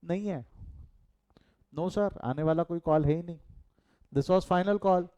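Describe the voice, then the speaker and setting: A middle-aged man with an Indian accent leads a live online class in a mellow voice that sits a bit high. He switches between Hindi and English, throws questions at his students and drifts into chatty side stories. He is recorded close on a call mic. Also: slow pace. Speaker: commerce teacher.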